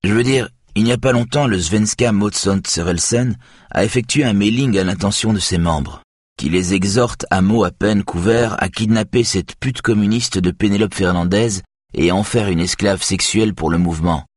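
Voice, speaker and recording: A man's voice: fairly low pitch, moderate pace, husky, dry recording, studio quality, pitched above the performer's own voice. A man voicing a nervous, defiant young male hacker who talks in a tense, insistent way.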